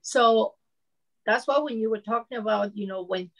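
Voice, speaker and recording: A woman in her fifties from Venezuela recounts personal experience as a discussion panelist, speaking conversationally at a normal speed with a Venezuelan Spanish accent. Her slightly high voice has a fairly bright tone, and "you know" comes up often. The recording quality is low.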